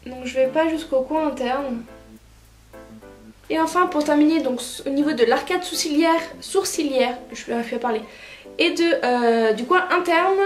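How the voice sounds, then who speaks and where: High-voiced woman narrating a makeup tutorial. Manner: chatty, relaxed, filler-heavy. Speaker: makeup vlogger. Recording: roomy echoey room, faint music.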